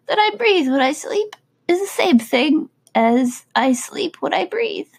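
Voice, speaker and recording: A woman voicing a sleepy little male dormouse, speaking high and slow as if talking in its sleep. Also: big pitch swings, vocal fry, heavily acted.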